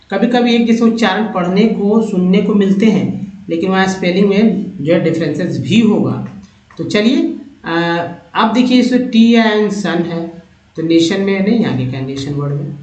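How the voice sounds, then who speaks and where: A man teaching English pronunciation from slides, patiently repeating and sounding out words slowly, often checking with his viewers. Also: high-pitched, darkish tone. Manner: addresses viewers as friends, checks with "है ना". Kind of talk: slide-based language lesson. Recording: echoey room, dull lo-fi sound, faint hiss.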